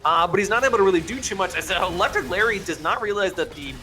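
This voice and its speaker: A man doing play-by-play commentary on an esports match, excitable and speeding up as fights break out. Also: fast. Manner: excitable, speeds up and rises in pitch during fights. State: has the hiccups. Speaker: play-by-play caster.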